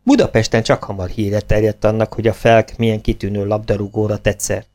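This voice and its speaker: A man's voice: fairly low pitch, level tone, a little mellow. A man reading a children's storybook aloud as narrator, dropping his voice for speech tags. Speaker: audiobook reader.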